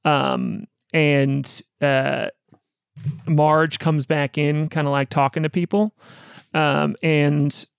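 A man narrating as game master of a tabletop role-playing game, halting with many fillers and restarts. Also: a little high, steady tone, vocal fry, clear, resonant tone, no room sound, clean studio sound.

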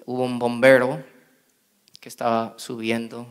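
A middle-aged man preaching a sermon in an animated way, acting out quoted voices with big jumps in pitch. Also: unhurried, smooth. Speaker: pastor.

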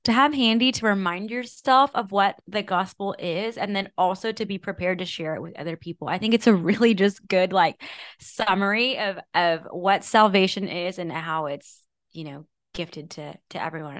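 A woman's voice: fairly low pitch, fairly bright tone, no echo, studio quality. A woman co-hosting a Bible study podcast, bubbly and enthusiastic with casual fillers. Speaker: podcast co-host.

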